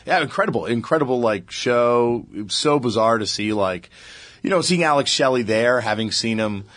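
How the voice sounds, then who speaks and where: A man in casual chat, telling stories in an excited way with many restarts and fillers. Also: mid-range voice, moderate pace, no echo.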